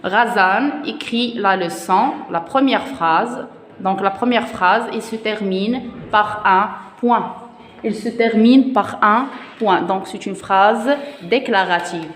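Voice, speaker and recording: A woman teaching a grammar lesson to children in a slow, patient way, repeating each point. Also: mid-range voice. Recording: echoey room with long reverb.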